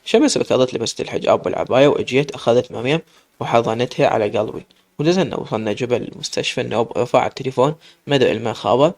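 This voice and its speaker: A man's voice: mid-range voice, racing, vocal fry, a little mellow. A man with an Iraqi accent reading a dramatic story aloud, with emotional first-person narration.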